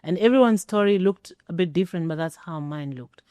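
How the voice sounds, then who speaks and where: A middle-aged Kenyan woman, formerly an air traffic controller, shares her personal story in a sit-down interview. Her low, mellow voice has lively intonation, and she speaks emphatically with pauses for effect. The recording is close and dry.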